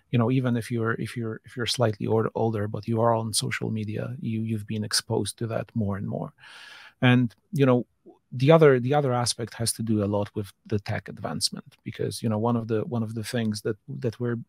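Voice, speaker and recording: A man's voice: lowish voice, vocal fry, a little mellow, slightly rough, no room sound, studio quality. A man talking as a guest on a panel podcast, thinking aloud with frequent restarts and fillers. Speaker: podcast guest, voice tech company founder. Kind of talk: casual panel discussion.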